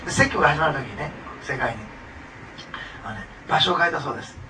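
Lively gravelly pastor preaching. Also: male voice, fairly high pitch, fast talker. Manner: lively, conversational, laughs often, asks the audience questions. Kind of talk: sermon. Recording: distant mic with clear background noise.

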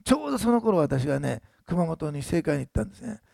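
Gravelly-voiced older man preaching fast. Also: a little high, sing-song, darkish tone, no room sound, studio quality. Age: 60s. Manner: chatty storytelling, frequent tag ね. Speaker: pastor. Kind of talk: sermon testimony.

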